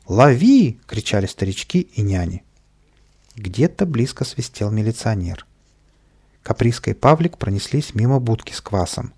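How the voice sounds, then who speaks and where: A man narrating a children's audiobook in a lively storytelling manner. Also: lowish voice. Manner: lively storytelling, plays all the voices.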